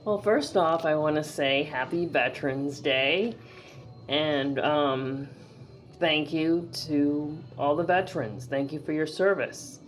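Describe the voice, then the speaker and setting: A woman's voice: deep voice, slow, faint music behind. A woman from the northeastern US talking casually to her camera in a chatty, rambling way, full of fillers and restarts. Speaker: vlogger.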